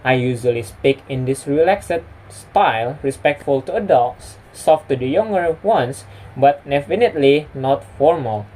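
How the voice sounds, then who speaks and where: A man's voice: medium pitch, expressive, unhurried, darkish tone, low-quality recording. Young Indonesian-accented man giving a presentation. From West Sumatra, Indonesia. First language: Indonesian and Minang. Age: young adult. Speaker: student presenter. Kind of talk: prepared personal presentation to camera.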